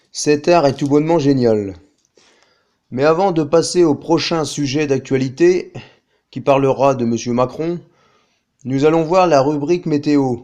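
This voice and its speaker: A man's voice: on the high side, warm tone, highs cut off, natural voice. A man playing a TV news anchor, presenting a parody bulletin in a tongue-in-cheek way. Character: dry male TV news anchor covering a political visit.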